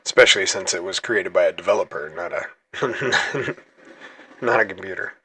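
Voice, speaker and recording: A man's voice: sits low, normal speed, sharp tone, slightly rough. A man hosting his gaming channel, chatting casually through gameplay, rambling and correcting himself as he goes. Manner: chatty, rambling, self-correcting, laughs easily.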